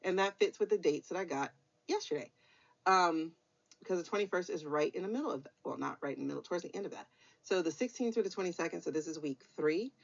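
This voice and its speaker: Expressive and creaky, her lowish voice moves fast as this American woman runs through a weekly tarot reading. It's a laid-back spiritual guidance talk, straightforward and encouraging, sprinkled with mild swear words. The audio has a dull, lo-fi quality.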